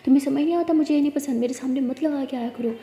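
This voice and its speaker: A woman's voice: sits high, racing, warm tone, echoey room. A woman voicing a strict middle-aged mother who scolds her daughter sternly. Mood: scolding.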